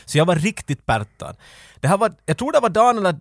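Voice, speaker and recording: A man, co-hosting a podcast and telling a rambling, animated story in casual chat. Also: sits high, dry recording, clean studio sound. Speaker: podcast co-host.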